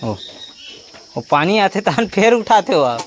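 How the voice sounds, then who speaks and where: A young man with a Chhattisgarhi accent hosting a casual village vlog, talking in a playful, loud, teasing way. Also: high voice, very animated, unhurried, a little hiss or hum. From Chhattisgarh, India. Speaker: vlogger.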